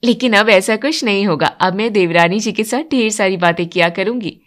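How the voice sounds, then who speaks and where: Meek, soft-spoken elder daughter-in-law, read by a woman narrator. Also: mid-range voice, a little fast, lightly acted. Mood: gentle. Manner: soft, cautious.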